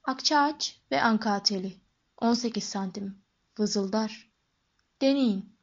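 A woman's voice: unhurried, dull audio. Ollivander, a woman doing a murmuring old wandmaker. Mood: brisk, coaxing. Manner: soft murmuring, slightly lowered voice. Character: old male wandmaker, eccentric and intense.

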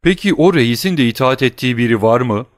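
A man's voice: medium pitch, expressive, quick pace, no room sound, clean studio sound, pitched above the performer's own voice, lightly acted. A man voicing a desperate, greedy captive banker in an audiobook, pleading and agitated.

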